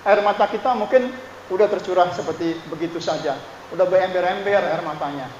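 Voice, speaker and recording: High-voiced man preaching in an echoey hall. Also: a little fast, slight background noise. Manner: conversational preaching, frequent "ya" and "Saudara" asides. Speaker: pastor. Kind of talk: sermon. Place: church. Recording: dull echoey church hall.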